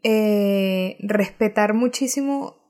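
Woman guest, middle pitch, measured and reflective, hesitates with fillers. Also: darkish tone. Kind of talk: casual conversation.

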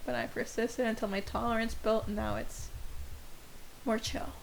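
A soft-spoken woman in her twenties chatting frankly, laughing often. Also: a little high, flat delivery, moderate pace, gravelly, slight background noise. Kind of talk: casual chat.

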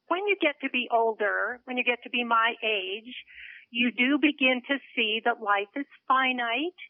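She is in her seventies and sounds fairly high-voiced, calling in to a radio interview over a narrow phone line without echo. Earnest in tone, she adds small laughs between her points.

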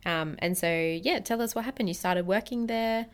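A woman's voice: fairly high pitch, clear, resonant tone. A woman with an Australian accent hosting an interview, prompting her guest in an encouraging, upbeat way. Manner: encouraging, prompting, quick to laugh. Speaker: podcast host. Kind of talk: casual interview chat.

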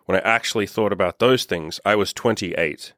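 A man's voice: on the low side, moderate pace, fairly bright tone, no room sound, studio quality. A man in his thirties, a dating and self-improvement coach, talking candidly and upbeat in a casual podcast monologue, swearing freely. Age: 30s. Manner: candid, upbeat and heavily profane.

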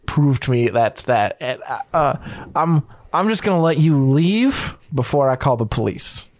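Man playing a halting, polite gun shop guard. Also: medium pitch, big pitch swings, a little mellow, no room sound. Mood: nervous, firm. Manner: halting, apologetic but firm, like a security guard asking someone to leave. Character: polite, nervous, law-abiding male gun shop owner. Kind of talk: improvised tabletop role-play.

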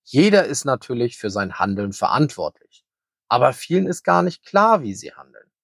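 A very old grey hare, calm, kind and wise, speaks gently in a children's story, as a man reads him. The voice is husky and dry, with a lively, rising and falling melody. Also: mid-range voice, normal speed, no echo, full character voice. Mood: gentle.

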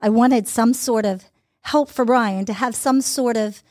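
A woman's voice: a little high, a little slow, darkish tone, dry recording, clean studio sound. A woman telling her family's story in an interview, earnest and fluent. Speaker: interview guest, mother. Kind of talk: personal testimony, casual storytelling.

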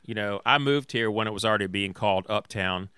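A man from Atlanta co-hosting a casual talk show, relaxed and rambling, often correcting himself mid-sentence. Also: lowish voice, a little fast, clean tone, dry recording, clean studio sound. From Atlanta, Georgia. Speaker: podcast co-host. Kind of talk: casual chat.

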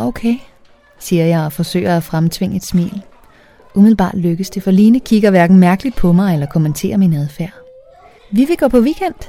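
Low, mellow-voiced woman narrating a story. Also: a little hiss or hum. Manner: conversational, lightly acted dialogue. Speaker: audiobook narrator. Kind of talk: first-person story narration.

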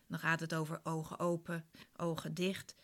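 A woman's voice: sits low, monotone, moderate pace. A woman instructor casually explaining a relaxation exercise, speaking directly to the listener. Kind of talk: casual spoken introduction to an exercise.

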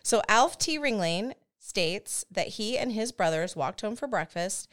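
Lively woman hosting a storytelling podcast. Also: mid-range voice, measured pace. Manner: chatty, laughs often, self-deprecating asides. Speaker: podcast host. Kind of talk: casual storytelling chat.

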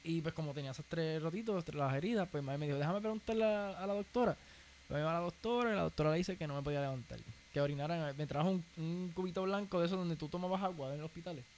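A young man with a Puerto Rican accent tells stories in a casual podcast chat, animated and full of slang. His voice sits fairly high. A faint hiss of room noise runs under the talk. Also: racing, few pauses. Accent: Puerto Rican Spanish. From Puerto Rico. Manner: animated storytelling, slangy, keeps saying "papi".

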